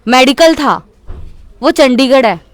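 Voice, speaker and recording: A woman's voice: high voice, measured pace. A young woman from Chandigarh giving a heated media interview, speaking in an indignant, insistent way. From Chandigarh, India. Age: young adult. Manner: indignant, insistent, keeps repeating "okay".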